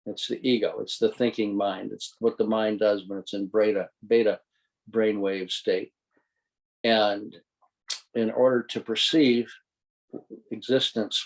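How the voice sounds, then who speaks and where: A man's voice: on the low side, vocal fry, poor audio. A man speaking as an interview guest, telling a story and then explaining its meaning in a rambling way. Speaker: guest, tracking student. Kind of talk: storytelling and reflective talk.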